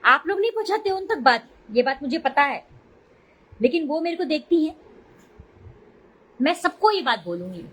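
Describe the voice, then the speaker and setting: A woman's voice: high-pitched, very animated, moderate pace, long pauses, poor audio. A middle-aged woman chatting casually on a live stream, talking defensively and greeting viewers mid-talk.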